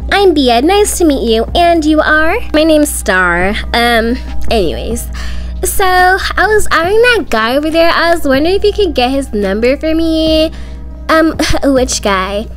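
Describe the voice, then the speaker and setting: With music running behind her, a video creator performs all the parts of a school roleplay story as amateur voice acting. This young woman's voice sits high and is very animated yet a little slow, delivering slangy, dramatic lines in a teen-girl style.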